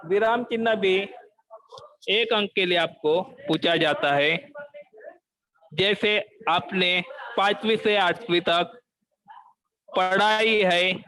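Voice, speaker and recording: Slow, high-voiced male teacher. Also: pushed and bright, slight background noise, poor audio. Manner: asks questions then answers them himself; slow and deliberate, repeats key terms. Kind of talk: exam-prep grammar lesson.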